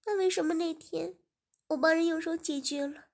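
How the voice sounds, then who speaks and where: A woman voicing a devoted young female servant, crying and pleading in a high, loud voice. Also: fairly even intonation, moderate pace. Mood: earnest questioning.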